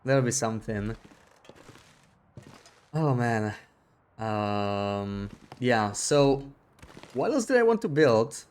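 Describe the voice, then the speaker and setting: This streamer talks slowly and expressively in a mid-range voice with a darkish, clean tone, leaving long pauses. He chats casually about his gameplay, reads viewer comments, and keeps restarting his thoughts as he thinks out loud.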